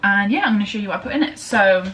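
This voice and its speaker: A young woman chatting casually in a vlog, rambling and bubbly, fast and breathless after a workout, filmed in her kitchen. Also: medium pitch, expressive, a bit bright. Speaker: lifestyle vlogger. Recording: slightly distant camera audio with faint room noise.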